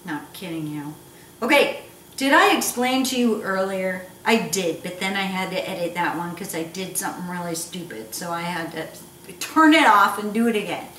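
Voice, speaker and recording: Speaking at normal speed in a lowish, animated, slightly bright voice, this cooking show host mixes instruction with playful jokes and teasing asides. Sound comes from a distant mic in an echoey room with a noisy background.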